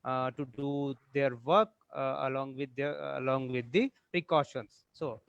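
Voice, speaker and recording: A man with an Indian English accent hosting a webinar, speaking haltingly with many fillers. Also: mid-range voice, fairly even intonation, clean tone, no echo. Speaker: webinar moderator. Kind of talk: hesitant formal webinar hosting. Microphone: video call. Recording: dull lo-fi video call audio.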